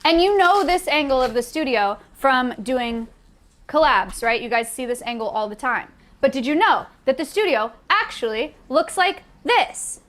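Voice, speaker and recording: A young woman with a high, bright-sounding voice hosts a casual streamed tour, chatty and upbeat. She laughs easily and keeps the talk loose. She is recorded in an indoor studio room. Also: lively intonation, normal speed. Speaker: sanctuary host giving a tour. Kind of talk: casual streamed vlog chat.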